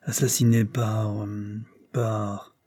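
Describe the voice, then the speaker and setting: A guarded country lawyer, played by a male audiobook narrator, who presses each word with deliberate intent. His tone is mellow and slightly husky, and his questions come steady and pointed. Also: on the low side. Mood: probing. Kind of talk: audiobook character voice.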